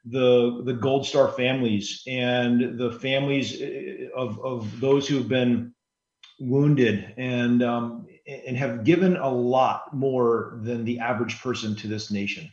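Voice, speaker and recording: A man in his forties, a guest author on an interview podcast, explaining in an earnest, steady way. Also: mid-range voice, slow pace. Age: 40s. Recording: roomy, slightly dull sound.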